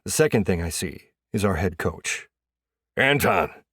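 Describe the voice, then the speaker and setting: A young adult man narrating an audiobook in the first person in a lively, expressive way. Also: deep voice, normal speed, slightly rough, dry recording, clean studio sound.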